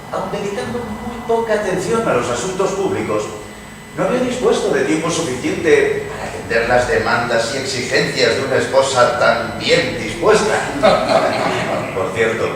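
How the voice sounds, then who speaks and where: A man's voice: a little high, expressive, moderate pace, close to an everyday voice. Guy acting witty mocking english lord poet, ornate talker, far from mic in echoey room. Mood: sardonic. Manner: wry, insinuating, ornate oratory. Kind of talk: dramatized radio theatre reading. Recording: distant, very echoey noisy room.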